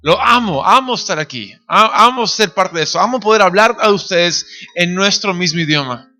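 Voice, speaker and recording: A man in his thirties preaching a sermon in church, telling family stories, acting out the voices of the people in them and shouting at the high points. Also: animated, normal speed. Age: 30s. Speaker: pastor. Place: church sanctuary.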